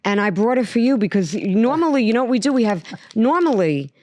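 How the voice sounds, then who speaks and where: A woman's voice: on the high side, lively intonation, fairly quick, a little mellow, no echo. A woman with a thick New York accent co-hosting a casual interview podcast, chatty and bubbly, often jumping in over her guest. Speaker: podcast co-host.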